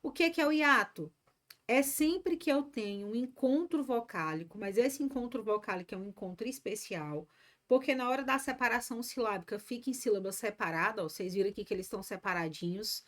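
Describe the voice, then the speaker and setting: A woman from Ceará teaches a live online grammar class in a fairly high voice. She talks chattily and encourages her students between points. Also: expressive, brisk, fairly bright tone. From Ceará, Brazil.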